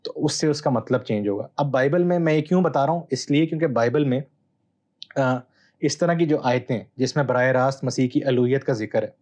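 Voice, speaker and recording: Man explaining scripture in a measured tone. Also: mid-range voice, darkish tone. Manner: measured, teacherly, pauses with "uh" fillers. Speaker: Bible scholar guest. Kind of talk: explanatory interview answer.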